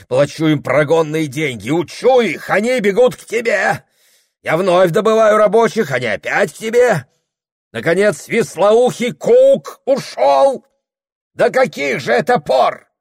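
A man reading aloud puts on a domineering, ambition-mad man who bellows his demands in a strained, high, loud voice. He drags out the key words slowly and sounds dry and close. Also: vocal fry, breathy edge, no echo, heavily acted. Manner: shouting, bombastic, hammering each phrase. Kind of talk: audiobook character voice.

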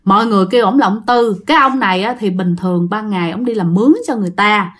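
A woman's voice: medium pitch, quick pace, a bit bright. A woman with a Southern Vietnamese accent, hosting a ghost story channel and narrating in a chatty way, often addressing her listeners.

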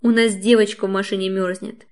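A woman reading an audiobook, voicing a calm, gentle young man who speaks steadily and apologizes softly. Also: medium pitch, fairly quick, natural voice.

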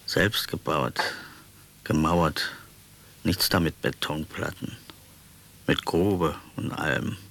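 An actor playing an embittered, stubborn older war veteran in a radio drama, deliberate and grumbling. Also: male voice, very deep voice, creaky, a bit bright, exaggerated voice. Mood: bitter, stubborn. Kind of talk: naturalistic German radio drama.

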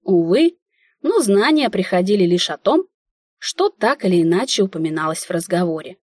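A woman narrating a first-person audiobook in a wry, lively inner-monologue manner. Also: lowish voice, moderate pace, slightly rough, dry recording.

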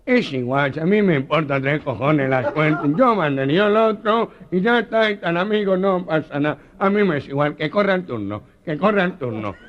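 A man's voice: medium pitch, normal speed, close to an everyday voice. A comedian voicing a boastful, cowardly male banderillero who swaggers and swears in a panic, on a dull cassette recording. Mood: scared.

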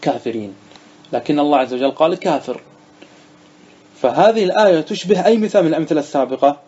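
A man's voice: fairly high pitch, fast, warm tone, husky, lo-fi sound. A man, a sheikh, teaching an Arabic grammar lesson, reading a text aloud, then explaining it and quizzing his students.

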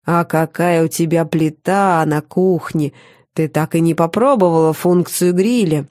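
Smug teasing demon guy, slow sweet drawl, low mellow dry voice as a lady reads him. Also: no echo. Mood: sweet-talking.

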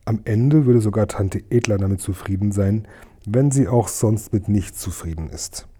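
Low, dark, husky male storyteller. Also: a little hiss or hum. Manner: gentle, measured storytelling. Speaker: audiobook reader. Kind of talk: scripted storybook narration.

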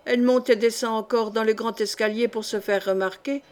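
A woman's voice: on the high side, fairly even intonation, brisk, darkish tone, close to an everyday voice. Woman doing catty stout chambermaid, chatty storybook reading. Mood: gossipy. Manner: gossipy.

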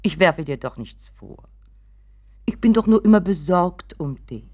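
A woman's voice: on the low side, expressive, a little slow, darkish tone. A fretful, doting mother. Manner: pleading, fretful, often drops to a whisper. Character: anxious doting mother of a grown son. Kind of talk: radio play acting.

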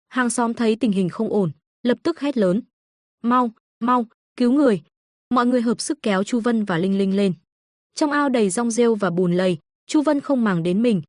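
A woman's voice: mid-range voice, a little mellow, no room sound, clean studio sound. A woman narrating a story as an audiobook, telling it steadily.

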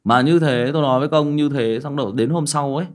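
A man's voice: a little high, quick pace. A man telling a rambling story in a casual, blunt way and speaking straight to his listeners. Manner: rambling, blunt and expressive, addresses listeners directly.

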